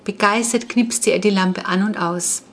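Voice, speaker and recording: A woman narrating a children's story in calm, even audiobook style. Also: medium pitch, unhurried, slight background noise.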